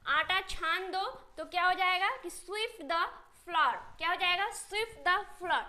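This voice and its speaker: A woman with a very high, bright, forceful voice and fairly even intonation teaches spoken English in Hindi. She repeatedly asks her class questions and answers them herself, slowing down to spell out each English phrase.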